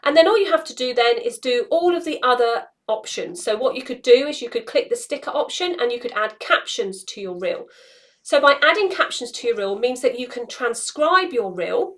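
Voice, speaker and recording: In a small room indoors, this social media tutorial host, a woman around her forties, explains each step in a casual, instructional way. She speaks at a moderate pace in a fairly high, expressive voice with a fairly bright tone.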